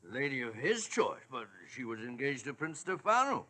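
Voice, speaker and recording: A man with a British accent playing a kindly, flustered gentleman doctor in 1940s radio drama, exclaiming and blustering. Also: mid-range voice, very animated, normal speed. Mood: doubtful, concerned. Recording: old radio broadcast.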